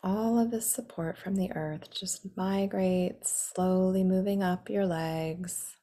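Speaking at a medium pitch with a steady tone and slow pace, a woman talks listeners through a meditation in a gentle, instructive way. Certain phrases fade to a breathy near-whisper.

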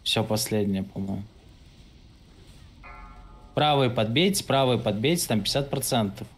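Faint music plays behind a man of medium pitch who talks at normal speed while leading an online game raid. Casual and profane, he calls out blunt, bossy instructions over an online voice-chat microphone, and the chat is slightly noisy.

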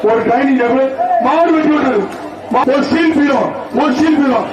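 A man announcing a live bull-taming event through a loudspeaker system, calling out prizes and warnings with rapid, repetitive cheering. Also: extremely high pitch, very noisy. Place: outdoor bull-taming arena. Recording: echoey loudspeaker from far off, roaring crowd.

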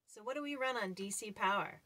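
A woman's voice: mid-range voice, a little fast, sharp tone, dry recording. A woman in her forties explaining things to camera as a vlog host, speaking inside a small trailer.

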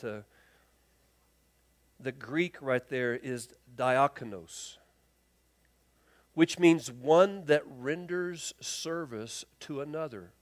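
A man with a high voice preaches a sermon in a church. He tells the passage like a story, playing each character in quick, lively voices. For the key points he drops low and quiet. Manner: animated storytelling, acts out the people in the text in quick lively voices. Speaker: pastor. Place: church sanctuary.

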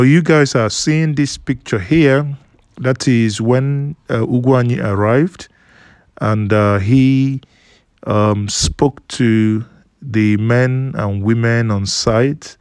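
A man giving an unhurried voice-over commentary on photos, explaining things at length with fillers and restarts. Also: lowish voice, a little mellow, no echo, clean studio sound. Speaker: news commentator. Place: studio voice-over, not at the pictured site.

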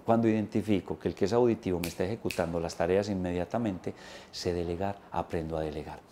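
A man's voice: sits low, mellow, a little hiss or hum. A man in his thirties, a business coach giving an emphatic instructional talk to camera on a lapel mic in an indoor studio. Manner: emphatic, gesturing with both hands, listing points.

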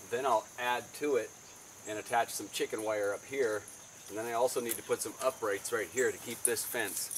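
A man, explaining a home repair project in plain, practical terms outdoors. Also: fairly low pitch. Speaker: DIY video host. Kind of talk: casual how-to narration. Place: outdoors in a backyard. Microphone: camera mic from a few feet away. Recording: outdoor camera audio with insect noise.

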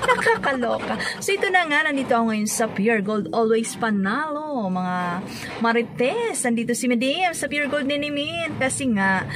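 Bubbly high-voiced woman vlogging from a car. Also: background noise. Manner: bubbly, playful, laughing often, sing-song greetings. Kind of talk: casual chatty vlog. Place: inside a parked car. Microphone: phone camera held at arm's length.

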